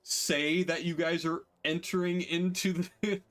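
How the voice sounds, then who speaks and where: A man's voice: fairly high pitch, steady tone, a little slow, fairly bright tone. A man narrating a tabletop game as game master in a casual style, with fillers and laughs.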